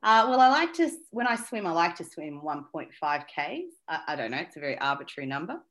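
A woman's voice: low-pitched, big pitch swings, a little fast, a bit bright. A woman, an interview guest who talks casually with many fillers and restarts. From Australia. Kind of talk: conversational interview.

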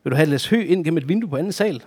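A man's voice: on the high side, animated, a little mellow, husky. A man doing a scoffing, suspicious old-school farmer. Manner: incredulous, scoffing. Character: suspicious, gruff grown male farmer on the phone.

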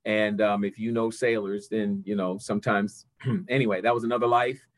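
An older man with a somewhat low voice answers as an interview guest on a video call. He talks conversationally but haltingly, with many pauses as he gathers his phrases. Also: fairly even intonation. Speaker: interview guest, church district superintendent.

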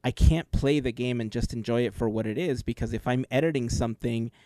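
A man's voice: medium pitch, a little fast, dark tone, no room sound. A man co-hosting a casual podcast chat, explaining his gaming experience earnestly and at length. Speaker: podcast co-host and gameplay video creator.

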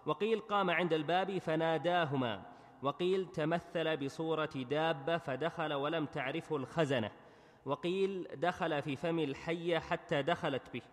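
Brief: male student reading classical text, steady and slightly high, long hall reverb. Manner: measured, recitative reading. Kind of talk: formal reading aloud.

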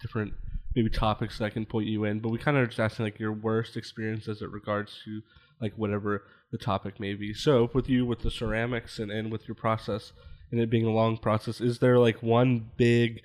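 A man's voice: fairly low pitch, little pitch movement, a little fast. A young man hosting a podcast, chatting casually and upbeat, with lots of filler words. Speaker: podcast host. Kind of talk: casual chat.

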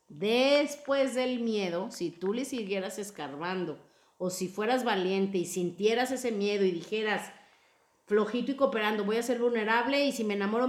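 A woman hosting a casual podcast chat about emotions, talking in an expressive, playful way. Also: on the high side, echoey room. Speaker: podcast host.

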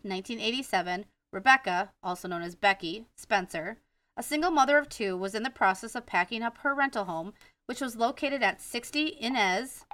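A woman's voice: mid-range voice, bright, forceful tone, no room sound, distant mic. Dry, close-miked woman with a Wisconsin accent. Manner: reads from notes, stumbles on names, laughs at herself. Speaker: podcast co-host. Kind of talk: casual true-crime narration.

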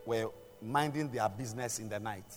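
An older man preaching a sermon in a deliberate way, pausing and repeating phrases for emphasis. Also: on the low side. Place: large church hall during a service. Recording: long echoing hall reverb, music behind.

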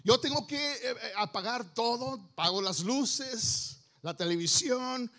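High-voiced earnest male preacher. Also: a little slow, sharp tone. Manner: earnest, emphatic preaching with repeated phrases. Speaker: pastor. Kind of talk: sermon.

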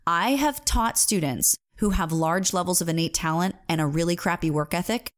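A woman in her thirties, a singing coach, giving an earnest, emphatic motivational talk with personal stories. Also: lowish voice.

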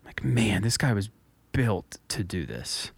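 A man's voice: on the low side, big pitch swings, takes it slowly, gravelly, slightly rough, no room sound. A man co-hosting a casual podcast, telling a rambling story with frequent restarts and stutters. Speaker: podcast co-host and drummer. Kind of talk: casual chat.

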